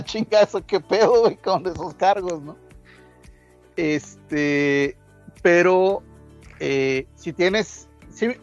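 Man, Mexican accent, slangy laid-back chat, fairly high pitch, muffled lo-fi audio, faint music. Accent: Mexican Spanish. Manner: laid-back, slangy, laughs while telling. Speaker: podcast co-host. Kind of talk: casual chat.

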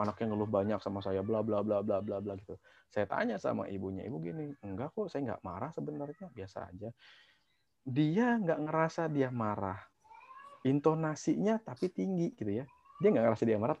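A man's voice: medium pitch, vocal fry, a little mellow, no room sound, lo-fi sound. A man working as a psychologist, explaining in casual interview talk, with frequent fillers, restarts and rhetorical questions.

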